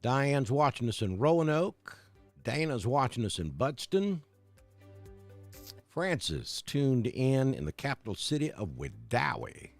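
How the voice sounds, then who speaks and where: A man's voice: medium pitch, sing-song, a little slow, gravelly, faint music behind. A middle-aged man from Alabama, chatting casually on a live weather stream and greeting viewers by name. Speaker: weather broadcaster.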